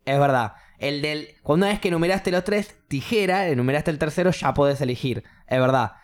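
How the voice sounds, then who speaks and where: A man's voice: a little high, a little fast. An Argentine man hosting a podcast, joking and arguing playfully in casual chat. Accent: Argentine Rioplatense. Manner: joking, argumentative banter. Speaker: podcast host.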